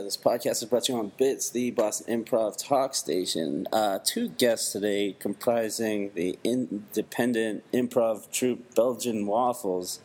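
A man hosting a podcast interview in a casual, halting way, with frequent ums and laughs. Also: mid-range voice, darkish tone. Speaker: podcast host.

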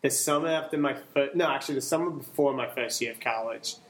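A man's voice: mid-range voice, quick pace, rough recording. A man from Long Island, New York, chatting as a podcast guest in a rambling way, full of fillers and restarts. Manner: rambling, self-correcting, many fillers. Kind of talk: casual podcast chat.

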